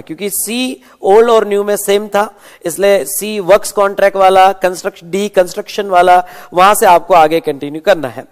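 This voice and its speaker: A man's voice: high-pitched, a little mellow, clear, resonant tone, big-room sound. A man giving an exam revision lecture, calling students "beta" and repeating points with frequent "okay". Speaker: teacher.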